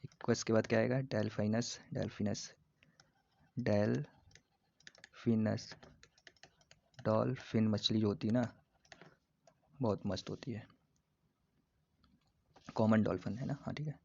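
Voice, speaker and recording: A man teaching biology for an exam, repeating terms slowly and joking with his students. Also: lowish voice, fairly even intonation, gravelly, mellow. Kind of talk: casual exam-prep lesson. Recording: dull lo-fi recording.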